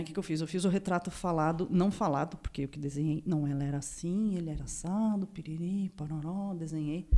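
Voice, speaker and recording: A woman from Brazil, a podcast guest, telling a story in casual chat and acting out the voices of the people in it. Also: low voice. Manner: animated, acts out voices in her story.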